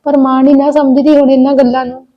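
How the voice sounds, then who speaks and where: A woman's voice: sits high, level tone, fast, lo-fi sound. A woman playing a childless elder daughter-in-law who pours out her worries in earnest, pleading runs in a village short film. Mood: worried, caring. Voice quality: earnest, pleading, talks in long complaining runs. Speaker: elder sister-in-law in a family drama. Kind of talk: village short-film acting, heartfelt chat.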